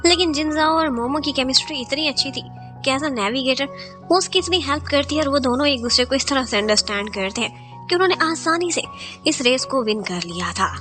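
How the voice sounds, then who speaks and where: A woman with a high, slightly bright voice narrates a scripted recap of a drama. She retells each scene in Hindi peppered with English words.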